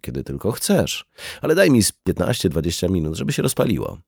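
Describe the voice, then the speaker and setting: A man reading an audiobook, voicing an easygoing father at a beach barbecue in a relaxed, everyday way. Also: low-pitched, brisk, gravelly, breathy edge, dry recording, studio quality, exaggerated voice. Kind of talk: audiobook character voice.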